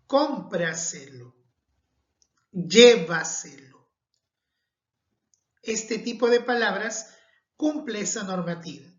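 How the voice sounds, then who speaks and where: Slow, careful woman teaching spelling. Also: mid-range voice. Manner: slow, careful, stresses example words. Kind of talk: recorded spelling lesson. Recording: dull echoey room.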